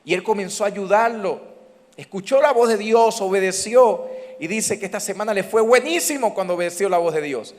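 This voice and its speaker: A man's voice: high-pitched, brisk, darkish tone. A man preaching a sermon as pastor, calling out emphatically to his congregation. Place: church hall. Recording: church hall reverb.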